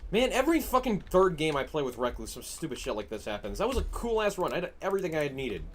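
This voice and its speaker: A man's voice: on the high side, very animated, fast talker, slight background noise. Furious swearing young gamer man. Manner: angry, swearing, swings between shouting and muttering. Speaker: gaming streamer. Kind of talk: ranting gameplay commentary.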